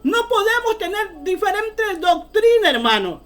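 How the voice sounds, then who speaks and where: A woman's voice: very high-pitched, big pitch swings, measured pace, faint music behind. A woman preaching a fervent sermon, often calling her listeners brother.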